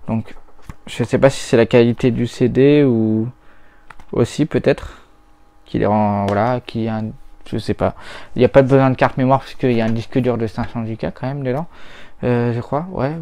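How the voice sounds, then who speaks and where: A man talking casually about old console games as he tests them, rambling and hesitant, often pausing on little filler words. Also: medium pitch, steady tone, mellow. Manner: rambling, hesitant, full of "voilà" and "hop". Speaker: retro gaming YouTuber. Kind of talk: casual chat while testing games.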